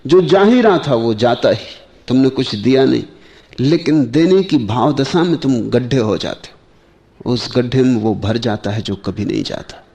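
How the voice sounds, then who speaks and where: Guy giving a spiritual talk, slow and measured, lots of pauses, gravelly low mellow voice. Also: animated. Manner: rhetorical questions to listeners. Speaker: spiritual teacher. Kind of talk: spiritual discourse.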